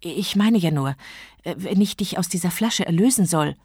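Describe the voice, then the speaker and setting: A woman's voice: on the low side, animated, normal speed, a little mellow, husky, dry recording, clean studio sound. Woman reading as a shy, nervous man. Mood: timid. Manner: hesitant, apologetic and timid. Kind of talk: storybook reading.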